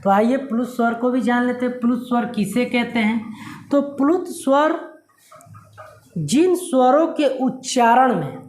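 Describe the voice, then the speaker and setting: A male Hindi teacher giving a classroom lesson at a board. He dictates slowly word by word, repeats points and keeps checking that students follow. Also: very high-pitched, animated, a little mellow, roomy sound, slight background noise. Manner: checks understanding with frequent questions.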